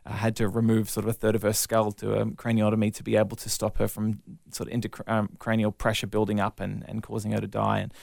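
An Australian man in his thirties, an evangelist, telling his life story in a relaxed interview with a self-deprecating, articulate manner. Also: on the low side, fast talker, vocal fry, few pauses, dry recording, studio quality. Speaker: guest, evangelist.

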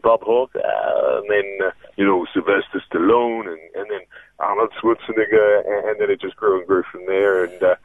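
Over a tinny, dry phone line, with a crowd audible behind him, an Australian man from Melbourne talks in a casual interview. The comedian and impressionist has a voice on the low side and speaks earnestly but haltingly, frequently starting his sentences over.

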